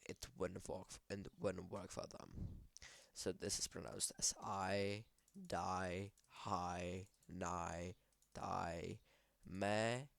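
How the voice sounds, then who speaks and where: A man's voice: low-pitched, flat delivery, very slow, creaky, a bit bright, dry recording. A man with a Czech accent whose first language is Czech. He casually walks through a screen-shared project, hesitating often and correcting himself mid-sentence. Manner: hesitant, many fillers and self-corrections. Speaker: language creator explaining his project.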